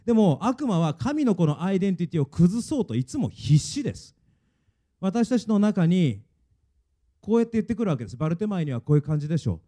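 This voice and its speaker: A man's voice: high voice, big pitch swings, fast, dark tone. A male pastor preaching a sermon earnestly and emphatically, and leading his congregation in reading aloud.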